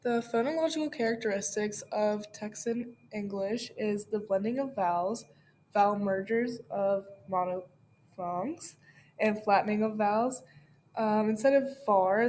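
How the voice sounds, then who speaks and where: Brief: young woman, very slow delivery, explanatory student presenter. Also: mid-range voice, a little mellow, a little hiss or hum. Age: young adult. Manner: explanatory, with ums. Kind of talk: class presentation.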